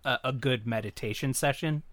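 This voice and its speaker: A man's voice: medium pitch, brisk, a bit bright, no room sound. A man in casual chat, joking and teasing, often breaking into laughter.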